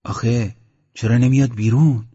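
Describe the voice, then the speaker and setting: A man's voice: medium pitch, steady tone, mellow, slightly rough, in a large hall, lightly acted. A man reading the lines of a practical, fretful village headman in an audiobook, in a questioning, slightly raised voice, on a dull lo-fi recording. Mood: worried questioning.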